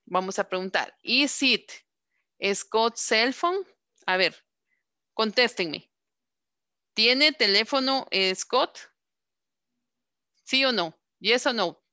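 Bright, slow-paced woman teacher. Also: mid-range voice, no room sound. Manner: slow, drawn-out word modelling and repeated questions. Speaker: English teacher. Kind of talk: online class instruction.

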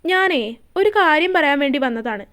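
A woman's voice: sits high, expressive, normal speed, a bit bright. A woman voicing a young man in love who coaxes and teases in a story reading. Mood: coaxing. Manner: coaxing and teasing.

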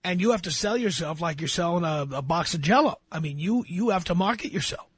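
A man hosts a call-in radio show and hands out blunt career advice in an emphatic, lecturing way. His voice sits high for a man and has a husky edge. The sound is close and dry, with no room around it. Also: expressive, brisk, no echo. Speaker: radio talk show host.

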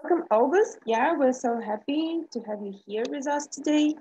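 A woman's voice: high-pitched, animated, normal speed, mellow. A woman with a Kazakhstani accent co-hosting a webinar, giving a prepared welcome and announcements over a video call. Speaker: webinar co-host. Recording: muffled, noisy online call audio.

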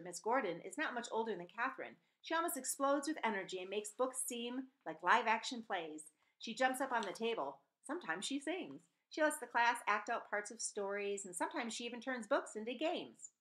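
Her voice is on the high side, her pace moderate, and she barely pauses as she reads a novel with storybook expression. The woman, in her forties, is animated but makes the odd stumble and self-correction. The recording comes from a desk-distance webcam mic in a small room at home.

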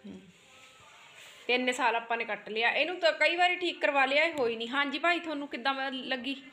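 Here the Indian Punjabi-accented vlog host, a middle-aged woman, sounds pushed and bright, sitting high and a little fast, with soft music behind her. She chats casually about family, sprinkling in little tag words to check in, in an echoey room with faint background noise.

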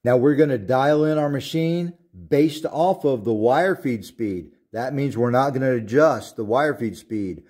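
A man in his thirties walks through a welding lesson at an unhurried pace, each step spelled out carefully. His voice sits at an ordinary middle pitch. He sounds like he is recording in his own auto shop on a camera mic. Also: darkish tone, husky. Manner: slow, deliberate, instructive. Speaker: welding instructor. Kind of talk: step-by-step tutorial narration.

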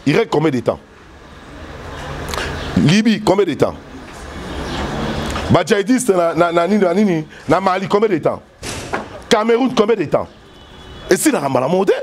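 A middle-aged former soldier and politician with a Congolese accent speaks emphatically in an interview, gesturing and switching between French and Lingala. His voice sits high and sing-song at normal speed, with long pauses, amid a noisy background. He's indoors by a yellow wall, talking animated politics into a furry handheld mic held close.

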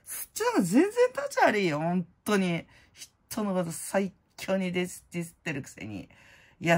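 A middle-aged woman hosting her own channel, chatting casually in a blunt, slangy way full of fillers, and loud-voiced by her own account. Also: fairly low pitch, creaky, slightly rough. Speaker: prize-winning vlogger host. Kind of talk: casual chat.

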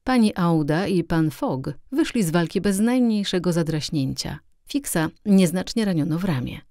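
A woman narrating a classic novel as an audiobook, expressive and steady, on a close mic. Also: fairly low pitch, moderate pace, no room sound. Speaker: audiobook reader.

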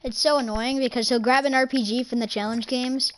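A woman's voice: a little high, fairly even intonation, a little fast. A young woman chatting casually while gaming, matter-of-fact and teasing. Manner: matter-of-fact, complains, teases.

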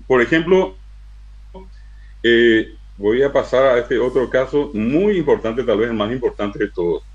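A man giving a university lecture on language, spelling out syllables slowly and with emphasis. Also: mid-range voice, lo-fi sound. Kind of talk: lecture to an auditorium.

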